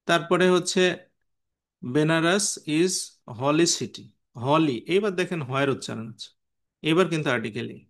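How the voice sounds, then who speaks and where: A man teaching an online class, patiently explaining and quizzing students by name. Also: fairly high pitch. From Bangladesh.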